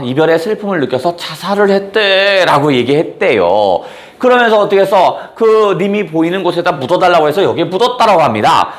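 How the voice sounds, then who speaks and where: A man teaching a classroom lesson, retelling a story in a playful, casual way, acting out the quotes and teasing his students. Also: a little high. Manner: playful, acts out quotes, teases students with mild swearing.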